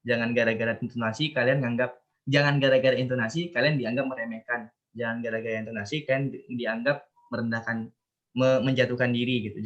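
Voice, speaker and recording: Man teacher, online class, casual chatty explainer, video call mic, mid-pitched everyday voice. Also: a bit bright, lo-fi sound. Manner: chatty, explains with repeated fillers and restarts. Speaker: Japanese language teacher.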